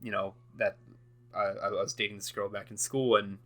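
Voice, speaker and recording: A man's voice: lowish voice, fairly even intonation, moderate pace, fairly bright tone. A young man recording an unscripted audio diary, rambling and hesitant with many fillers and restarts, often breaking into laughs. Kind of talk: unscripted casual monologue.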